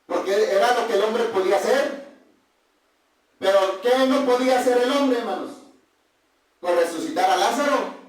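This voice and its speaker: A man's voice: sits high, moderate pace, pauses often. A male preacher giving a conversational sermon, who keeps asking the congregation questions and addressing them as brothers. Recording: very echoey room heard from a distance.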